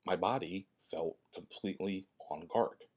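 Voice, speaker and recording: A man in his fifties talking to viewers in a personal vlog, earnest and halting, often restarting his words. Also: low-pitched, darkish tone. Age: 50s. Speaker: fitness channel creator and host.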